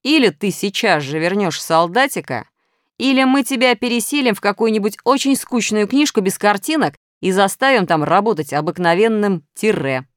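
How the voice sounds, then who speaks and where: A woman voices a strict male plus sign in a storybook, threatening punishment in an expressive, medium-pitched voice at normal speed. She pitches it above her own voice, though it stays close to an everyday voice, and the studio sound is clean with no echo.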